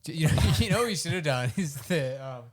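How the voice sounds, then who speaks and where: A man's voice: fairly high pitch, animated. Easygoing young man. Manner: easygoing, agreeable, quick to laugh. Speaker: podcast co-host. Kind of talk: casual chat.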